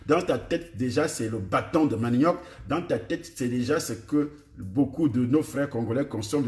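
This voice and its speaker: This medium-pitched man has a darkish tone and a Cameroonian French accent; his native tongue is Ewondo. Preaching to his congregation on food and health, he repeats points and puts questions straight to his listeners, all captured in an echoey room.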